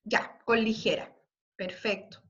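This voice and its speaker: A woman's voice: mid-range voice, steady tone, slow. A woman teacher giving a classroom lesson, patiently spelling out examples and checking understanding with frequent tag questions. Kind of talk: classroom lesson explaining poetry. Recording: dull lo-fi recording.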